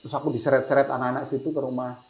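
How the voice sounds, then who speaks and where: A man's voice: medium pitch, flat delivery, rapid-fire. A man recounting his experiences as a photojournalist in a podcast interview, acting out his own words as he tells it. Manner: vivid storyteller, acts out his own past words. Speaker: photojournalist guest. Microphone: podcast microphone. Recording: roomy echo.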